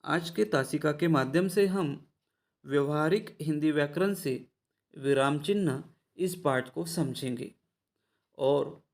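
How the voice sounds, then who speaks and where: A man teaching an online Hindi grammar lesson in a measured way, speaking to his students directly. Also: on the high side, darkish tone. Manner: measured, addresses the students often.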